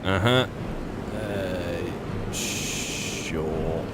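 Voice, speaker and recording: A man with a low voice speaks extremely slowly over heavy background noise. Playing a wry, grumbling adventurer in a fantasy video game roleplay, he improvises in-character commentary as both player and narrator, musing to himself in a hesitant, politely ironic way.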